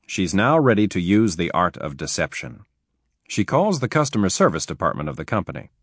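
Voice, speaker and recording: A man reading nonfiction aloud as an audiobook narrator, telling cautionary stories in an emphatic, expressive way. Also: deep voice, fairly quick, no echo, clean studio sound.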